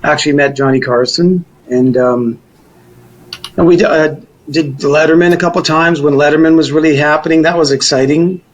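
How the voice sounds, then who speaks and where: This interviewee is a musician, a man of middle age or older, whose slightly high voice holds a steady tone at a fairly quick clip. He reminisces loosely and casually, peppering his talk with "kind of" and "you know," and the audio is muffled.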